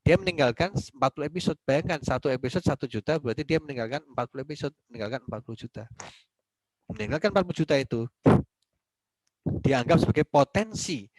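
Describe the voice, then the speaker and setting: A man's voice: mid-range voice, lively intonation, fairly quick, no room sound, rough recording. A man giving a university law lecture in a conversational way, asking and answering his own questions and acting out little dialogues.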